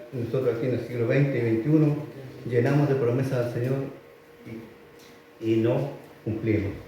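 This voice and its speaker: A man with a Chilean accent preaching a sermon emphatically and repetitively, often rising to loud exclamations in a church hall. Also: medium pitch, distant mic, slight background noise. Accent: Chilean Spanish. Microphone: filmed for online viewers.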